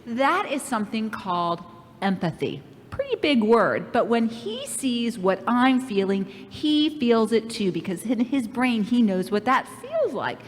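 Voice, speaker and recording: A woman leading a children's camp lesson, playful and animated as she speaks straight to the kids. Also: a little high, a little slow, a little hiss or hum. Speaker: children's program leader. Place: church. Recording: echoey hall reverb.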